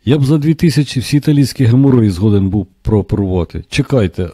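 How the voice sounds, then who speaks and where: A man voicing a grumpy, sarcastic male village doctor in an audiobook, speaking gruffly. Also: mid-range voice, fast talker, dark tone, no room sound, clean studio sound, lightly acted.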